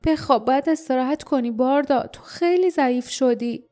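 A young woman played by the narrator speaks gently and soothingly. Her voice sits a little higher than the narration and stays soft. It is a character from a storybook reading. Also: soft background music, lightly acted. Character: young woman, tough but caring. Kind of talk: audiobook character voice.

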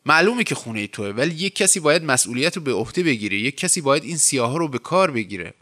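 A man reading aloud voices a stern middle-aged mother who runs a farm, speaking in a high, firm way. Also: sing-song, bright, forceful tone. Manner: high, firm and severe delivery.

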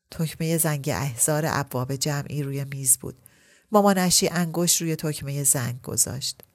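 A woman narrating a literary story as an audiobook, reading at a measured pace. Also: low-pitched.

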